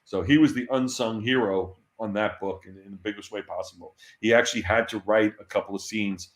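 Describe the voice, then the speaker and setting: A middle-aged man, a former comics editor, tells lively stories as an interview guest. He laughs often and repeats words when excited. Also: fairly low pitch, a little fast. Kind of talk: casual anecdotal storytelling. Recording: roomy echo.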